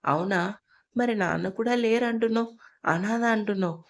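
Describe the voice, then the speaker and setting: A woman's voice: on the high side, brisk, close to an everyday voice. A woman voicing an innocent little girl who keeps asking her mother questions in a Telugu audio story. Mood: curious. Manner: questioning, childlike.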